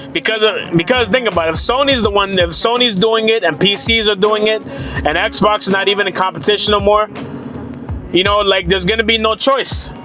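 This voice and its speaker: Profane ranting man, high voice. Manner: profane, rambling, sarcastic. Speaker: gaming commentator. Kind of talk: casual rant to camera.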